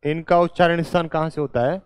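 A man teaching a class at a board, speaking slowly, repeating each point and answering his own questions. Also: fairly high pitch, steady tone, smooth, no echo. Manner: slow and repetitive, quizzing students with questions and answering them himself; calls the viewer "beta" and "my dear".

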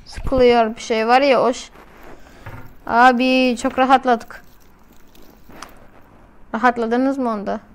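A woman's voice: on the high side, little pitch movement, slow pace, long pauses, clear, resonant tone. A woman doing casual, slangy reaction commentary as a video host, often exclaiming.

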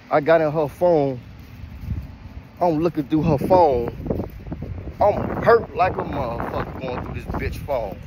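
A man telling a comedic story as a heated, worked-up monologue that climbs into shouted rants. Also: medium pitch, background noise.

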